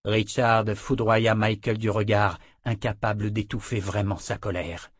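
A man narrating a fantasy novel in a measured reading voice, voicing the dialogue himself. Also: fairly low pitch, flat delivery, husky, no room sound, clean studio sound. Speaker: audiobook narrator.

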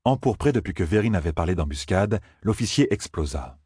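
A man narrating an audiobook in a measured storytelling manner, close to the mic. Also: low-pitched, expressive, darkish tone, slightly rough, dry recording. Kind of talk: scripted narration.

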